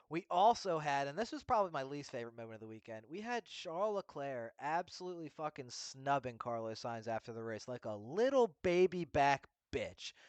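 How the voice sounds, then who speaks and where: A man's voice: fairly high pitch, fairly bright tone, smooth, no echo. A young man hosting a casual racing recap, ranting heatedly and swearing constantly. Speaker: F1 recap host. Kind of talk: casual commentary rant.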